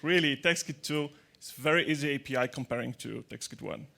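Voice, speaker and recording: Brisk, pushed and bright with some vocal fry, a man's medium-pitched voice carries through a large, dark conference hall. He is a tech conference speaker on a handheld mic, joking and chatty with hesitant restarts and non-native grammar.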